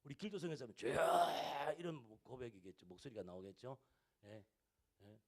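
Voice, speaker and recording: A man's voice: mid-range voice, moderate pace, breathy edge. A male pastor preaching a sermon in a church service, repeating key phrases with rising and falling emphasis. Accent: Korean.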